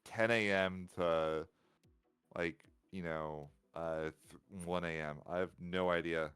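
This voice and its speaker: A man's voice: low voice, steady tone, slow, a bit bright, clear, resonant tone. A man co-commentating a tournament stream from another time zone, chatty and rambling, with frequent restarts. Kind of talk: casual stream commentary chat.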